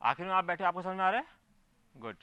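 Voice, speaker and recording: A man's voice: sits high, lively intonation, quick pace, clean tone, dry recording, muffled recording. A man teaching a physics class, explaining step by step and often asking his students whether they follow. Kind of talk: classroom lecture.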